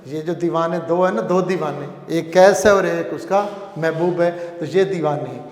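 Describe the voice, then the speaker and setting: Man lecturing in an echoey hall. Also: fairly high pitch. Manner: repetitive, explains slowly with examples. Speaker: Urdu grammar lecturer. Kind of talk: classroom lecture. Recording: echoey classroom with long reverb.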